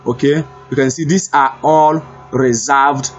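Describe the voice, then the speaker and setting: A man giving a screen-recorded web development lesson, unhurried and repetitive, thinking aloud as he types. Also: medium pitch, fairly even intonation, soft background music. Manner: unhurried, repeats himself, thinks aloud while typing. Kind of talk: screen-recorded coding tutorial.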